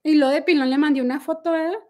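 A middle-aged woman with a Mexican accent talks high and brash on a phone livestream. She is profane and mocking, chatting casually with her viewers. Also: steady tone, very fast, a little mellow. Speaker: livestream host.

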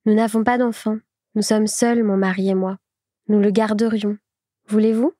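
A woman reads a tearful, spoiled young rich lady in an old tale. She speaks in a halting, trembling voice that stays mellow and dry. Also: mid-range voice, flat delivery, no room sound, natural voice. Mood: pleading.

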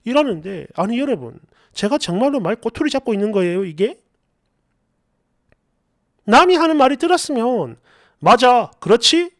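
A woman narrating online posts as a story, animated and acting out the quoted lines. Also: on the high side, moderate pace, long pauses, no echo, studio quality.

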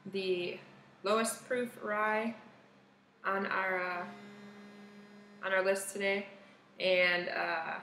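A woman's voice: medium pitch, fairly even intonation, very slow, long pauses, pushed and bright, reverberant, a little hiss or hum. A woman co-hosting a casual whiskey tasting chat in a bar's party room, talking hesitantly with many fillers. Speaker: co-host, bar manager.

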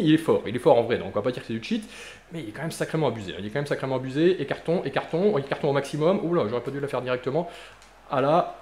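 Fast-talking young man, jokey gameplay commentary. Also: mid-range voice, echoey room, a little hiss or hum. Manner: jokey, excitable, chatty, with playful silly noises. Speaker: gaming YouTuber.

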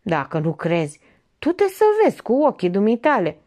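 A woman's voice: medium pitch, very animated, darkish tone. A woman voicing an exhausted, panicked young man bringing alarming news, in an audiobook. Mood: alarmed. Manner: breathless, alarmed. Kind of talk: audiobook character reading.

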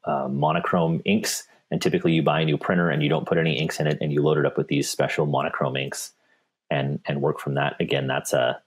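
Male tech specialist for a webinar Q&A, very low and husky, relaxed and full of restarts. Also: a little fast. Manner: relaxed, with frequent repeats and restarts. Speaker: paper company technical specialist. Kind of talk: webinar Q&A, answering viewer questions.

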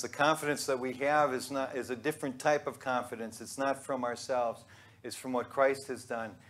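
A man in his thirties, a pastor giving a conversational, joking sermon in a church sanctuary. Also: mid-range voice. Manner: conversational and joking, with pauses and restarts.

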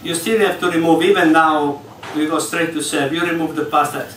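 A male executive chef speaks English, somewhat brokenly, as he explains each step of a live cooking demo before an audience in a ship's large hall. His pitch is fairly high and his tone steady and fairly bright, with a slightly quick delivery. Captured from a distance in the echoing space, the audio carries a little hiss or hum.

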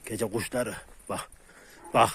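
A man's voice: lowish voice, steady tone, slow, fairly bright tone. A man talking to his viewers while walking his dogs outdoors, breaking off to call and command them. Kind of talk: casual vlog to viewers. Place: outdoors on a walk. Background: dogs barking and outdoor noise.

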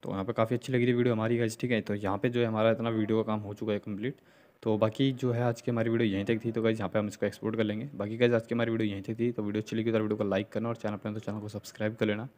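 Here a video editing tutorial host, a young man, voices over a screen recording in a relaxed step-by-step style full of check-in tags and filler phrases. His voice sits lowish and a little mellow, level in tone, and he moves at a racing clip.

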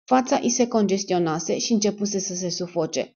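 A woman narrating an audiobook in a measured, even storytelling manner, in a dull lo-fi recording. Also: medium pitch, breathy edge. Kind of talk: scripted narration of a spy novel.

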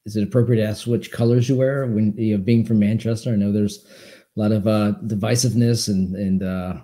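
Very dark-voiced male host, echoey room. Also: on the low side, fairly even intonation, fairly quick. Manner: rambling, repeating and restarting phrases. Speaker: podcast host. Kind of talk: casual interview. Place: home office with bookshelves. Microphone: video call webcam. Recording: echoey room over video call.

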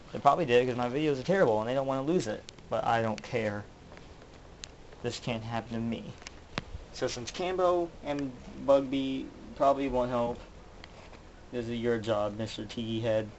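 A man's voice: medium pitch, dull audio, slight background noise. A man hosting his own channel, acting out a melodramatic mock-detective comedy skit in which he questions his toys. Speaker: channel host.

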